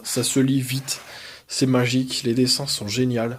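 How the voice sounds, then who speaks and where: A man's voice: mid-range voice, little pitch movement, measured pace, noisy background. A young man casually reviewing his comics collection, enthusiastic, with frequent hesitations and fillers.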